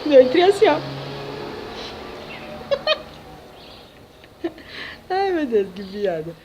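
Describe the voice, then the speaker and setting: A young Brazilian woman chats to her camera in a slightly high voice, retelling a personal story with big emotion, quick laughs and acted-out dialogue. A faint hiss sits under the recording. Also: muffled recording. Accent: Brazilian Portuguese. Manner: animated, emotional retelling with laughs and dramatic quotes. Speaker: vlogger.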